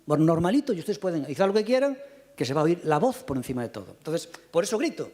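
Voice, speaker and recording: Combative politician, high-pitched man, rebutting rivals at a podium mic in a council hall. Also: big pitch swings, darkish tone. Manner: combative, rapid rebuttals, addresses opponents directly. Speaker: mayor answering in a council session. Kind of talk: heated council debate reply. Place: city council chamber. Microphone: fixed podium microphone.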